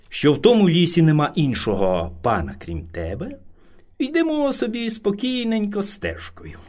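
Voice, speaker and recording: A little hare in a storybook tale bows and pleads with great courtesy, as a man reads him aloud. The delivery is unhurried and the pitch rises and falls lively. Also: full character voice. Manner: very polite, flattering. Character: small timid but clever male hare.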